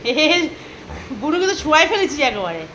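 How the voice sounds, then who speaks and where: Woman, pet-owner vlogger; fond, coaxing baby-talk to her dogs; bright high voice; noisy home take. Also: very animated, quick pace. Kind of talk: casual home vlog talking to pet dogs. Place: at home indoors. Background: dogs and household noise.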